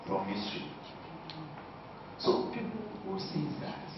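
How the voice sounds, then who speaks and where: A man giving a lecture, answering audience questions and stressing his points one after another. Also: on the low side. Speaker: guest lecturer. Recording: echoey hall, distant lo-fi mic with noise.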